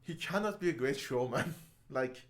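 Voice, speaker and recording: A man's voice: medium pitch, animated, moderate pace. A man co-hosting a film podcast, talking casually and animatedly, with frequent laughs and swearing. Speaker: podcast co-host.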